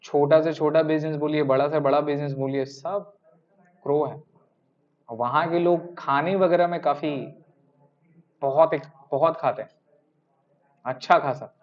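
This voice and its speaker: A male tutor with a high voice lectures a class and tells an animated anecdote, repeatedly checking that students follow and addressing them as sir. He speaks at a measured pace with frequent pauses. The recording is dull and lo-fi.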